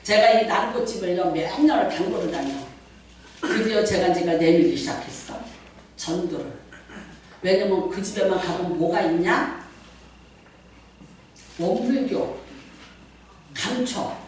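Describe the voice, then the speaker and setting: A middle-aged woman pastor preaching a lively sermon, often asking the congregation questions. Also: lowish voice, a little slow, pauses often, a little hiss or hum. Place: church sanctuary. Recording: very echoey church hall, mic at a distance.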